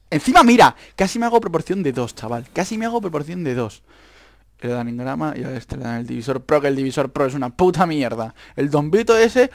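Spanish gamer, high lively voice, dry close mic, swears and shouts repeats, for gameplay commentary. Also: male voice, creaky, no echo. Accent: Spanish from Spain. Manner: excitable, swears and repeats words, yells at the game. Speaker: gaming youtuber.

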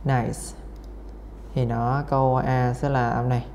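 A man's voice: medium pitch, little pitch movement, normal speed, darkish tone, lo-fi sound. Man teaching an exam lesson in a reverberant room. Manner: repeats words many times, with fillers. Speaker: English teacher. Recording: reverberant room, faint noise.

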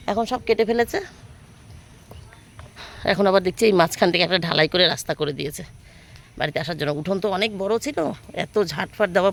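A woman's voice: lowish voice, slight background noise. A woman in her thirties filming a casual walking vlog outdoors on a phone, chatting and pointing things out to viewers. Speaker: vlogger. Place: outdoors in a village among trees.

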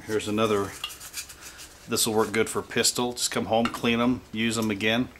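A man's voice: on the low side, little pitch movement, moderate pace, fairly bright tone, slight background noise. A man casually walking through a hands-on how-to at his bench, plainspoken and rambling, with hiccups. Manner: plainspoken, rambling, self-interrupting. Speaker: hobbyist reloader.

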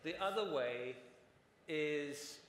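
A man's voice: fairly high pitch, expressive, takes it slowly, fairly bright tone, slight background noise. A man in his forties speaking as a panelist at a conference, explaining at length and often checking in with "right?". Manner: explanatory, frequent "right?" tags. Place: large conference hall on stage. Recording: roomy hall with long reverb.

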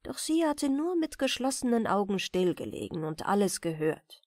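A woman reading a fairy tale aloud as a soothing bedtime story, in a gentle, expressive manner. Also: mid-range voice, moderate pace, no room sound, clean studio sound. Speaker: audiobook reader.

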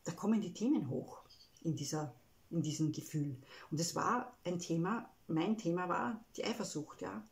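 A woman with an Austrian accent gives a personal, reflective self-help talk, speaking emotionally and haltingly with frequent tag words. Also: lowish voice, lively intonation. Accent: Austrian German.

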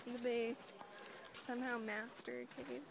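A woman's voice: on the high side, flat delivery, unhurried, vocal fry, crowd noise. A woman joking sarcastically with a friend outdoors. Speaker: friend on the trip. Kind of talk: casual banter. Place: outdoors at a busy trail. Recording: busy crowded outdoor spot.

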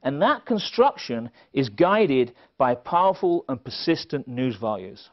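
A middle-aged man speaks from a conference podium on an indoor stage, giving a prepared lecture with wry, dry humorous asides and stress on quoted phrases. His mid-range voice is very animated, though his pace is measured. The event recording sounds slightly dull and band-limited.

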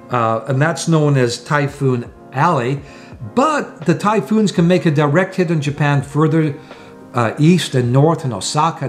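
A man in his sixties talking to camera from a small room at home, explaining things earnestly point by point as a sailing vlogger. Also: mid-range voice. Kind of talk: to-camera vlog talk.

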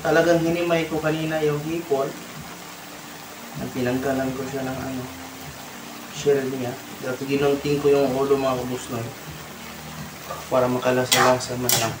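A man with a Filipino accent hosting a casual cooking vlog, chatting and giving shout-outs to viewers while he stirs a pan. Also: mid-range voice, little pitch movement, normal speed, pauses often, noisy background. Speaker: cooking vlogger. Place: home kitchen, indoors, at a stove. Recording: roomy kitchen with loud sizzling and clattering pans.

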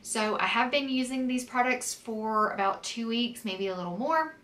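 A woman's voice: fairly high pitch, normal speed, fairly bright tone, far from the mic. Chatty woman with a stuffy nose. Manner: chatty, lots of "um" and "like". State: stuffy and sniffly from a cold. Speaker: beauty vlogger. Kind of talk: casual product review. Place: home, in winter with snow outside.

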